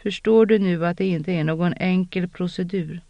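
A narrator doing Sheriam, hushed and stern. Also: gravelly, no room sound, muffled recording, natural voice. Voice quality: low, measured, hushed. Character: calm, stern older woman mentor. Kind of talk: audiobook character reading.

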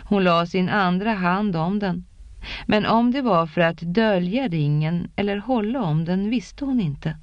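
A woman reads a fantasy novel aloud in an even, measured way, her voice on the low side. The recording is dry and close, with a slightly dull, lo-fi sound. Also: no echo. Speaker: audiobook narrator. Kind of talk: scripted narration.

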